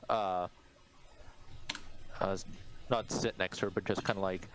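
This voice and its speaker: A man's voice: low voice, steady tone, measured pace. A man describing his character's actions in a tabletop game, casual and hesitant. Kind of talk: casual third-person role-play. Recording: faint room noise.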